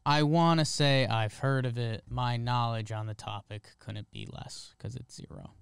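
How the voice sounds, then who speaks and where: A man's voice: medium pitch, fairly even intonation, vocal fry, clear, resonant tone, dry recording, clean studio sound. A man co-hosting a comedy podcast, bantering in a playful, teasing way. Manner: playful, teasing, quick to riff. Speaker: podcast co-host.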